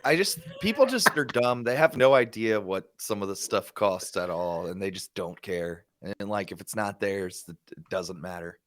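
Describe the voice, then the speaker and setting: Male podcast co-host, lowish voice, blunt, salty language, dry recording. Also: lively intonation, moderate pace, few pauses, dry recording. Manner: blunt, swears freely. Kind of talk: casual chat.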